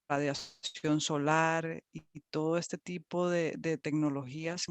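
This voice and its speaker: Woman presenter on a glitchy call, voice dropping out, hesitant, fills pauses. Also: low-pitched, dry recording. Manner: hesitant, many fillers and restarts. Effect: video call connection breaking up, dropping out. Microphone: computer or phone mic on a video call.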